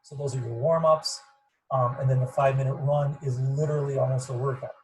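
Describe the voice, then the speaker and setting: Man, running coach on a video call; rambling, monotone delivery, muffled mic with faint background noise. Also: mid-range voice, a little fast. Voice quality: muffled, fuzzy. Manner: rambling, repeats words, self-described monotone. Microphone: computer mic on video call.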